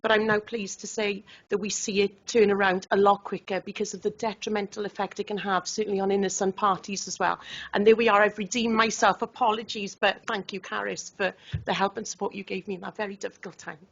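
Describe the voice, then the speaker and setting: Welsh councillor, woman, emotional and halting, husky with fry, lo-fi chamber mic. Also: mid-range voice, level tone, a bit bright. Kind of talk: tribute speech at a council meeting.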